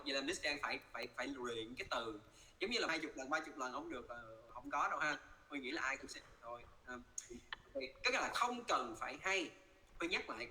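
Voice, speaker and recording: Vietnamese guy teaching english sounds, super bright voice, says words over and over. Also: mid-range voice, low-quality recording. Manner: repeats words slowly, mixes English into Vietnamese. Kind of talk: pronunciation coaching.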